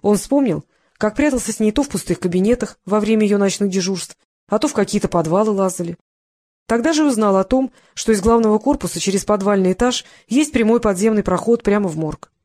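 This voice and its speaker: A woman narrates an audiobook in a calm, measured way at a middle pitch. The sound is dry and close, with no room around it. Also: no room sound. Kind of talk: scripted narration.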